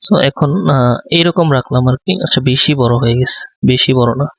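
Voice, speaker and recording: A man giving a design tutorial, speaking softly close to the microphone and thinking aloud with many fillers. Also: mid-range voice, fairly quick, no echo. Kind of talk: live screen-recorded tutorial.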